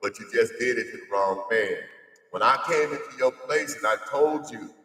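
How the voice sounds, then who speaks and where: A man's voice: medium pitch, moderate pace, a bit bright. A sixty-five-year-old man, an addiction counselor, delivering a defiant, preachy monologue and repeatedly addressing the listener as "brother.". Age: 60s. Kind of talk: confrontational monologue. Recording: echoey room, voice far from mic.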